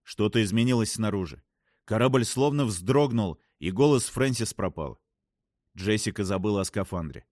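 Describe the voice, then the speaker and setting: A man narrating an audiobook in a calm, even reading voice. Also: fairly low pitch, moderate pace, no echo, studio quality. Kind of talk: scripted narration.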